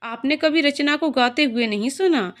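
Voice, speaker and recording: A woman's voice: sits high, normal speed, close to an everyday voice. A woman voicing Niyati, a chatty young woman.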